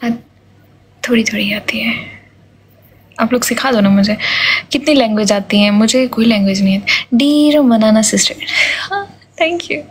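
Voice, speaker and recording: A hoarse woman hosting a casual live stream, chatting and thanking viewers while keeping her voice down into a phone. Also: a little high, moderate pace. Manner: keeps voice down as others sleep.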